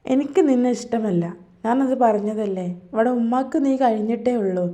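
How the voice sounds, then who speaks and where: A woman's voice: on the high side, moderate pace, dark tone, lightly acted. A woman playing a harsh, cold young husband. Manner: curt, scolding.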